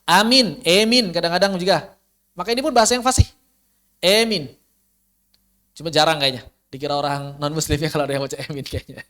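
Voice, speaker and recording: Male teacher, slightly high voice, patient online lesson delivery. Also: pushed and bright. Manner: patient explaining, drawn-out examples. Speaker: Quran recitation teacher. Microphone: video call.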